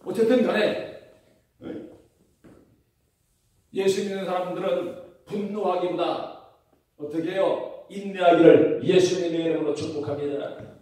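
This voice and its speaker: A male pastor preaching a sermon in a church, asking the congregation questions and building to loud emphatic declarations. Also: sits high, fairly even intonation, unhurried, pauses often. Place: church sanctuary. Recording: very echoey church hall, mic far off.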